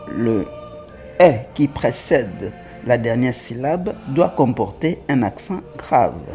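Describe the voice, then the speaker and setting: A man teaching French spelling, reading words slowly and spelling out syllables, with faint music behind him. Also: medium pitch, warm tone. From Congo (DRC). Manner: spells out syllables, slow and emphatic. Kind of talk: slow, deliberate French reading lesson.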